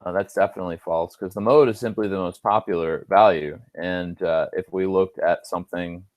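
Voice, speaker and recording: Low-voiced man walking through homework. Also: fairly even intonation, fairly quick, darkish tone, no room sound. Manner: casual, thinks aloud, dry asides. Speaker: instructor. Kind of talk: screen-recorded homework walkthrough.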